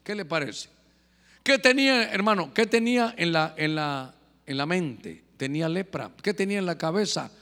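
A man's voice: fairly high pitch, lively intonation, moderate pace, a bit bright, long reverb tail. A man preaching a fervent sermon, often addressing his listeners as brother. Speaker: pastor.

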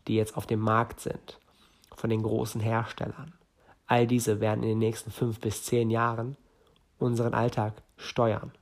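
A man in his late twenties hosts a solo podcast on founding startups, speaking at a middle pitch for a man. He talks straight at his listeners, handing out blunt advice. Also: vocal fry, a little mellow. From northern Germany. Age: 20s. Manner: direct, advice-giving, addresses listeners. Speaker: podcast host.

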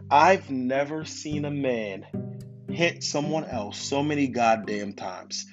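Man ranting over loud guitar music. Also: medium pitch, slow pace, dull audio. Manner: swears constantly, animated, asks the audience questions. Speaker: commentator on fights. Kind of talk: casual profane rant to camera.

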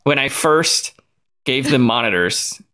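A man's voice: mid-range voice, lively intonation, takes it slowly, pushed and bright, smooth. Male podcast co-host, mid-range voice, loose rambling delivery. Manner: rambling storyteller with many restarts and fillers. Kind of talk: casual chat.

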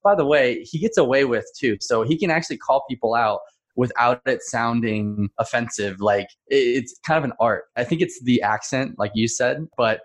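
A man's voice: mid-range voice, moderate pace. A man speaking as a podcast guest in casual chat, easygoing and laughing between points.

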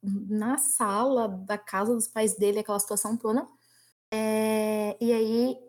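A young woman, blunt and expressive in a casual chat with friends. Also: medium pitch, a little slow.

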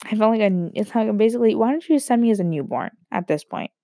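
A young woman with a slightly high voice talks fast as she tells a rambling, joking personal story, interrupting herself with animated asides. She's fighting a cold, so she sounds throaty. The studio-quality recording has no echo.

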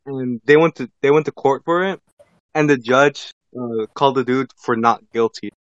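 A man in easy podcast chat tells a long, meandering story full of "like" and "bro." His voice sits at an ordinary pitch. The sound is dull and a bit lo-fi, with a dry, close feel. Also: normal speed, dry recording. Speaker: podcast co-host.

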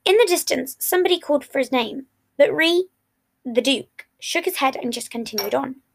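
A woman's voice: high-pitched, animated, normal speed, gravelly, slight background noise. A woman reading fan fiction aloud, often slipping and restarting lines. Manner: reads with frequent slips and restarts. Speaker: reader.

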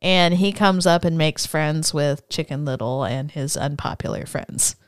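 Woman podcast co-host, casual and animated, slightly low and very clear, dry. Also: a little slow, no room sound. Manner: animated retelling, playful quoted voices, frequent laughs. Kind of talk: casual movie recap chat.

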